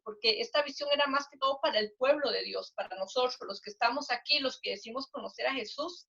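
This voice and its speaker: An older woman giving an earnest, halting testimony as an interview guest, with many restarts. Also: sits high, sharp tone. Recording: dull lo-fi recording.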